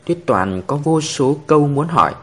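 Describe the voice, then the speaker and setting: A man narrating a story in an expressive storytelling manner. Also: on the high side, moderate pace, breathy edge.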